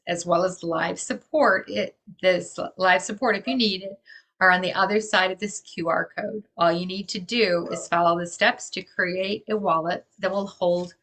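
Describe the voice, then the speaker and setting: A woman's voice: lowish voice, normal speed, a bit bright. A woman enthusiastically explaining a crypto gift card in casual talk on a video call, gushing as she goes. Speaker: crypto community organizer.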